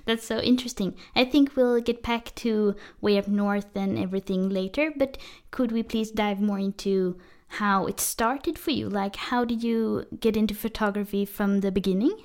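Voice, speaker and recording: A woman's voice: mid-range voice, fairly even intonation, moderate pace, darkish tone. A Swedish woman hosting a podcast, friendly, often laughing between questions. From Sweden. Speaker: podcast host. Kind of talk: podcast interview.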